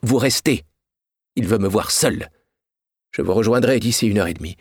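A man's voice: fairly low pitch, normal speed, husky, no room sound, clean studio sound. A man reading a storybook, voicing an imperious wealthy widow who scolds her young maid. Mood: scornful. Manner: scolding, sharp and condescending. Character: haughty wealthy woman in mourning, imperious.

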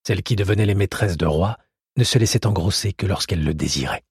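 A man narrating a historical adventure audiobook in a steady, measured storytelling manner. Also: low voice, husky, no room sound, studio quality. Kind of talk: scripted narration.

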